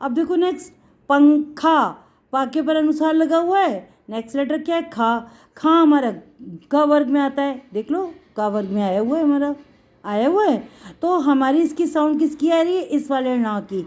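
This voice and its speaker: High-voiced woman teaching children patiently. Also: animated, darkish tone. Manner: patient, drawn-out explaining, addresses students as beta. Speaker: Hindi teacher. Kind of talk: children's lesson.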